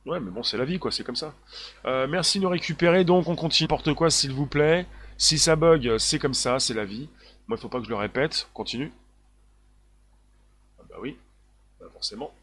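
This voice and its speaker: A man's voice: a little high, normal speed, long pauses, a bit bright, breathy edge. A man hosting a live stream, talking emphatically and repeating himself, with many fillers as he reads out viewer comments. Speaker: livestream host.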